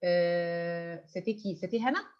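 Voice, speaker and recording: A woman's voice: on the low side, measured pace, clear, resonant tone. A woman teaching a French class, patient and repetitive, explaining words and often switching into English. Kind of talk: online class lesson. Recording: dull lo-fi sound.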